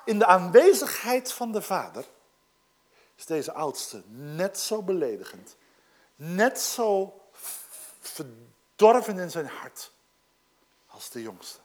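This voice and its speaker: A preacher delivering a sermon and explaining a scripture passage, moving between loud, emphatic passages and hushed, almost whispered asides. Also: mid-range voice, very animated, slow pace, long pauses. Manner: explains a scripture text to a congregation.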